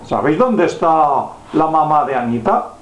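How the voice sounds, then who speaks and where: Guy telling a little kids story like reading to a toddler, playful, kinda high voice, muffled roomy sound. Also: sing-song, normal speed, slight background noise. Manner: playful, simple repetitive talk as if reading to a toddler. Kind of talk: improvised children's puppet-style story narration. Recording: dull, echoey home room recording.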